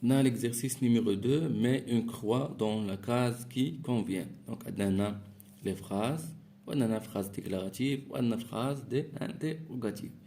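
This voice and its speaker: Slow man teaching grammar. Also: mid-range voice, vocal fry, warm tone, a little hiss or hum. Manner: slow, repeats phrases, mixes French with Moroccan Arabic words. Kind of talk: grammar lesson walkthrough.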